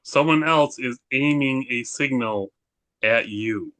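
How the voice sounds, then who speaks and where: A man's voice: medium pitch, slow pace, a bit bright. A man playing a tabletop role-playing game who explains his moves in a matter-of-fact way. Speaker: player.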